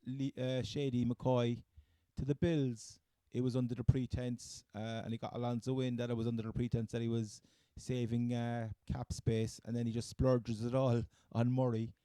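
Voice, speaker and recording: Male podcast co-host, Cork accent, very soft mellow tone, close dry sound, halting casual sports chat. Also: mid-range voice, level tone, smooth, dry recording. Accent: Cork, Irish. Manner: halting, hesitant phrasing.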